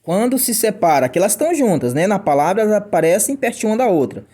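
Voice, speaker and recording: A man's voice: high voice, big pitch swings, quick pace, dark tone. A Brazilian man teaching a grammar lesson in a chatty way, checking in with the class and answering imagined student questions.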